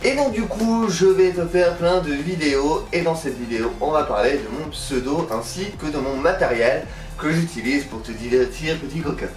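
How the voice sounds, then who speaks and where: A young adult man with a slushy lisp on his s sounds, chatting casually and playfully as an animated channel host. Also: a little high, moderate pace. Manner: animated, playful, swinging emphasis. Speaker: host of a gaming and vlog channel. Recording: roomy echo, distant mic, music behind. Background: music.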